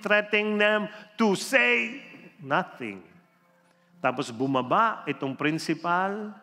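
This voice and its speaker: A man, a religion teacher, telling a true story to an audience in an animated, theatrical way. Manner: animated, theatrical storytelling with big swings in pitch and loudness. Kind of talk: inspirational storytelling talk. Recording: reverberant hall with faint background music.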